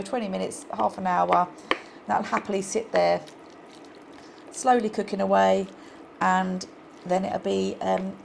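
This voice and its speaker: Chatty woman with a gravelly voice. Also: mid-range voice, darkish tone, slight background noise. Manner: chatty, rambling, self-deprecating, many ums. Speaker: cooking show host. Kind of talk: casual cooking demonstration.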